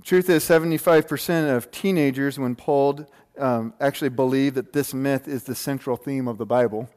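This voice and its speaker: In a steady, darkish mid-range voice at normal speed, a man around his forties preaches informally to a congregation in a large room. He jokes and uses rhetorical questions to check in. The recording carries long hall reverb.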